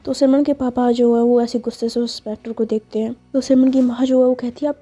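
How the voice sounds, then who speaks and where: Mellow-voiced woman telling a story. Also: on the high side, little pitch movement, fast talker. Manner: conversational, filler-heavy narration. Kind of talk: narrating a serial love story. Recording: dull lo-fi recording.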